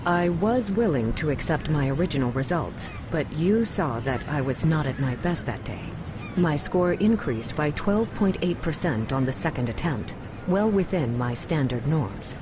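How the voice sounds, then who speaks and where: A woman's voice: low voice, expressive, normal speed, background noise. A woman playing a logical young Vulcan cadet in a game, speaking formally and precisely without emotion. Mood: cool, composed. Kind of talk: video game character dialogue.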